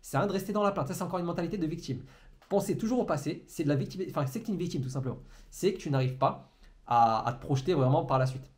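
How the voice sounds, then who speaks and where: A man, an entrepreneurship trainer, giving a motivational talk to a camera in a room, talking very fast and stumbling and repeating words as he goes. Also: fairly high pitch, a little mellow. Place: room, indoors. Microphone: camera in front of him.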